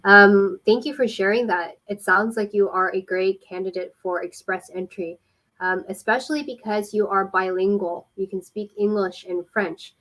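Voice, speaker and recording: Pausing frequently, a woman who works as an immigration consultant gives helpful, informal answers in a live question-and-answer format. She has a mid-range, slightly bright voice with fairly even intonation, and the sound quality is poor.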